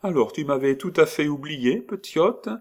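A man's voice: on the high side, animated, normal speed, a little mellow, voice pushed up. A man voicing a crafty man disguised as an old woman who sweet-talks a child in an audiobook. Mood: coaxing. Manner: wheedling, sweet-talking a child. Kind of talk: audiobook character voice.

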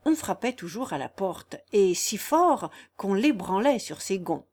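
A woman reading an audiobook aloud with dramatic, expressive narration. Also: medium pitch, unhurried.

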